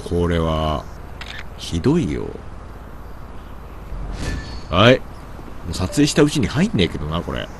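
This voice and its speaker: A man's voice: sits low, sing-song, measured pace, vocal fry, pauses often, a little hiss or hum. A man with a stuffy nose, doing gameplay commentary, grumbling to himself and mock-scolding characters in the game. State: stuffy nose from hay fever.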